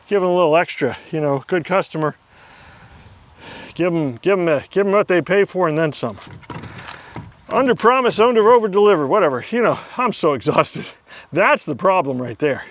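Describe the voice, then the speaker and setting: Working outside, a channel host in his fifties rambles to the camera and to himself in a casual vlog. He speaks with a high, animated voice at normal speed, recorded without echo.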